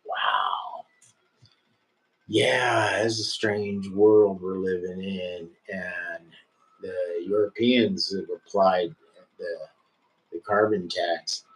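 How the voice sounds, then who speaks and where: A middle-aged man chatting on a casual livestream. His voice sits very low, and he takes his time, drawling slowly through easygoing, rambling talk full of "uh"s and restarts. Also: poor audio. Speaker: livestream host and musician.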